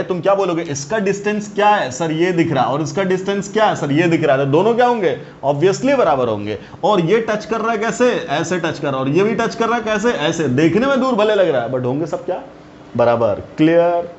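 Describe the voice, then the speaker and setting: A male teacher giving a lecture, who keeps checking with his students and calls them "beta". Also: sits high. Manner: keeps asking the students questions. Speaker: chemistry teacher. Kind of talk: classroom lecture. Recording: dull lo-fi recording, faint hiss.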